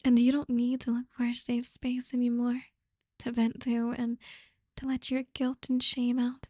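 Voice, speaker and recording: A woman playing a possessive, manipulative girlfriend in an ASMR role-play, soft and breathy, with a creepy, coaxing, controlling manner. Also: a little high, monotone, moderate pace, dry recording, clean studio sound. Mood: sweetly possessive. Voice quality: soft, breathy, often soft-spoken. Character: possessive, manipulative yandere girlfriend, sweetly menacing.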